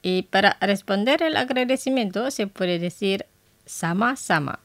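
Woman radio lesson host, slow deliberate delivery, dry close sound, repeats each phrase twice. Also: mid-range voice, lively intonation, a bit bright, dry recording. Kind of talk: scripted radio language lesson.

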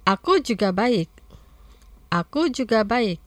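Slow, careful woman teaching on radio. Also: fairly high pitch, sing-song, no echo. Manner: slow, careful repetition of words. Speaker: language lesson presenter. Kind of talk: scripted radio language lesson.

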